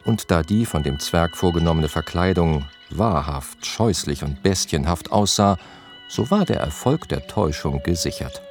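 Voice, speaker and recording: Male audiobook narrator, deep and measured, guitar bed underneath. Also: expressive. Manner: measured, literary storytelling. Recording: narration over guitar music.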